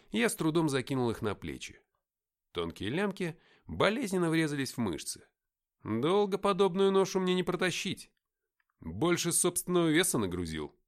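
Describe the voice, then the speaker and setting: A man reading a first-person audiobook in a lively, expressive way. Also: on the high side. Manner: lively, expressive reading with loud acted dialogue. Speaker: audiobook narrator.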